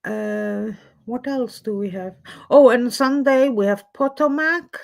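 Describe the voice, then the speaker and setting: A French-speaking Swiss woman hosts a casual live stream from her home in Edinburgh, chatting with viewers. Her voice is a little high and creaky, and she talks slowly. She rambles, stays chatty, and often loses her thread.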